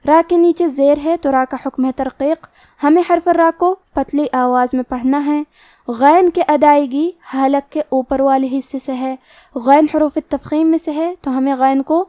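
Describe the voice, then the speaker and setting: High-voiced woman teaching tajweed. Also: warm tone, no echo, studio quality. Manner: slow careful explanation of each letter. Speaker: Quran recitation teacher. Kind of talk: tajweed lesson.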